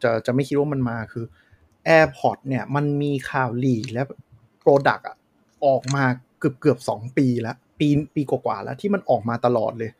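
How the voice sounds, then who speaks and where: A man's voice: mid-range voice, normal speed, darkish tone, slight background noise. Man, casual chat, tech podcast co-host, long explanations, filler words. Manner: explains at length with many fillers.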